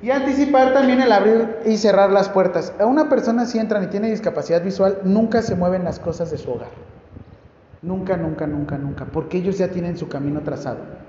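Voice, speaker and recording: A man with a Mexican accent giving a lively, joking classroom lecture to nursing students and asking the class questions. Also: sits high, fairly quick, slight background noise. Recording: echoey hall, dull lo-fi sound.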